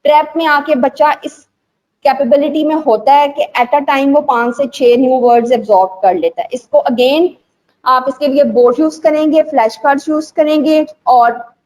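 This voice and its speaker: A woman with a notably high voice leads a teacher-training session, speaking patiently and slowly. She repeats and spells out examples and slips into English phrases as she explains. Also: steady tone, darkish tone, poor audio. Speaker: teacher trainer and school owner. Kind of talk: instructional talk to teachers.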